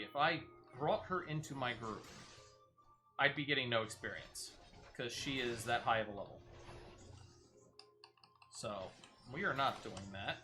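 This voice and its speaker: In a sharp, mid-range voice, a man comments casually on his own gameplay. He explains each move step by step and hands out tips to viewers as a streamer and player.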